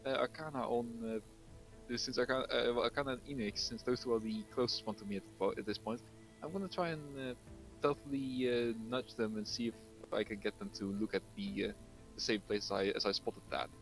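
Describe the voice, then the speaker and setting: Male player, mid-pitched, rambling stop-start explanations, soft music under. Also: brisk, vocal fry, low-quality recording. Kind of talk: casual tabletop play.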